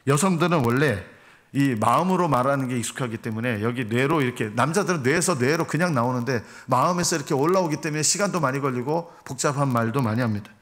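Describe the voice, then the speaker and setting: A middle-aged male pastor giving a sermon in a church. He talks in a lively, joking way and acts out quarrels between a husband and wife in little voices. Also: medium pitch, fast talker. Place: church sanctuary.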